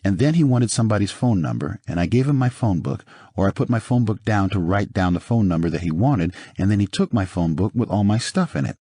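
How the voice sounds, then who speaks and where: A man's voice: fairly low pitch, lively intonation, a little fast, hardly any pauses, mellow, dry recording, studio quality. A man voicing a frightened woman who pleads on an emergency call, on the verge of sobbing. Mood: shaken. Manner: pleading, breaking into sobs.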